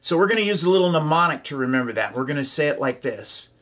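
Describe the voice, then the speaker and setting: A man's voice: on the high side, expressive, fast, loud music behind the voice. A man teaching a ukulele tutorial, calling out chords and strums and chanting rhythm syllables. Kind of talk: instructional tutorial. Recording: ukulele playing behind the voice.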